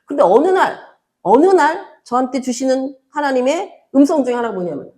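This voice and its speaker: An older woman pastor delivers a sermon in a bright, fairly high voice that swings widely in pitch. She talks to the congregation as if chatting. She tells stories and acts out the back-and-forth in them. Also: brisk. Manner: animated storytelling, acting out dialogue in different voices; conversational and chatty, speaking directly to the congregation.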